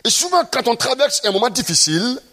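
A man's voice: extremely high pitch, big pitch swings, a little fast, bright, forceful tone. A man preaching a sermon, acting out scenes from the Bible and asking the congregation rhetorical questions.

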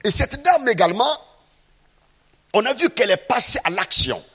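A man's voice: high-pitched, big pitch swings, normal speed, bright, forceful tone, husky. A man preaching a sermon, acting out scenes from the Bible and asking the congregation rhetorical questions.

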